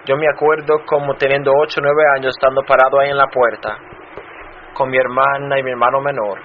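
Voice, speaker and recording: A man who grew up in Chicago and serves as a pastor, giving a personal testimony in a sermon, halting and restarting often. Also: medium pitch, little pitch movement. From Chicago, United States. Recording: dull muffled sound with faint noise.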